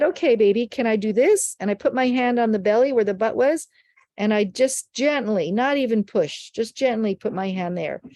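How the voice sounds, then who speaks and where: An older woman in a dry, close recording, a midwife telling a story from her work. She speaks at a middle pitch and livens the tale by putting on the voices of the people she describes, with no room echo around her. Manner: animated storyteller, acts out quoted voices. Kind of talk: storytelling in an interview.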